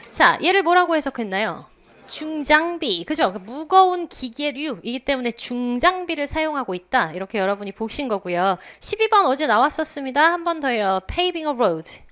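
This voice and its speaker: A woman teaching an English test class at an academy, drilling phrases and repeating English words slowly for students. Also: high voice, a bit bright. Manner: drills phrases with slow, exaggerated English repetition. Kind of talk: classroom lecture. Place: lecture room at a language academy.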